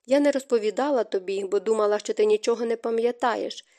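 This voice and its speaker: A woman's voice: mid-range voice, fast talker, lightly acted. A woman reading as a grieving stepmother. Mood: sorrowful. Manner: soft, hushed, tearful delivery. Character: grieving middle-aged stepmother, gentle and remorseful.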